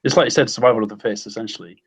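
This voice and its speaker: A man's voice: fairly low pitch, steady tone, very fast, breathy edge. A man co-hosting a casual podcast chat, who hedges and fills his thoughts with ums and restarts. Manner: hesitant, many ums and restarts. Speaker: podcast co-host.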